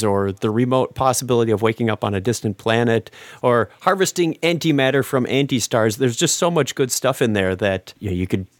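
A man's voice: medium pitch, dry recording, clean studio sound. A man hosting a podcast, speaking in a presenter's wrap-up and sign-off style. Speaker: show host.

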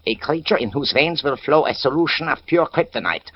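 Sinister, high-pitched German-accented Nazi mastermind. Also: male voice, expressive, slightly rough. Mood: coldly grandiose. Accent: German, put on for the role. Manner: menacing, deliberate, theatrical. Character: sinister fanatical Nazi mastermind, coldly grandiose villain. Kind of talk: 1940s radio serial acting. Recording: dull old radio broadcast recording.

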